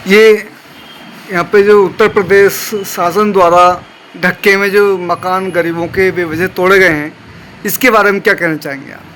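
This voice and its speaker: Brief: reporter man, high voice, brisk questions, faint noise behind. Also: steady tone, a bit bright, poor audio. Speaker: local reporter.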